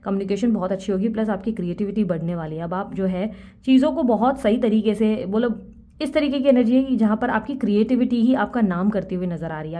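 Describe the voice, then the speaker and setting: A young adult woman giving a tarot reading, talking fast and earnestly and mixing English words into her Hindi. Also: mid-range voice, dull audio. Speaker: tarot reader.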